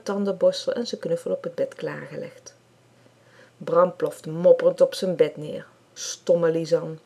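Narrator for kids' audiobook: woman, calm read, low husky voice. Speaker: audiobook reader. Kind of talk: children's story read aloud.

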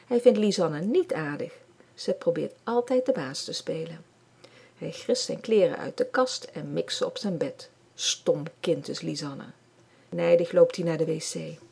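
A woman reads a children's audiobook in a calm, clear storytelling manner. Her voice sits low, with a husky, gravelly grain and a dark, mellow tone. She gives the characters lively voices while keeping the telling steady. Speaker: narrator.

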